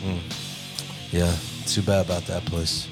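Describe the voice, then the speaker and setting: A man co-hosting a casual podcast, talking about music in a profane, excitable way and laughing often. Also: sits low, unhurried. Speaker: podcast co-host. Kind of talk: casual chat.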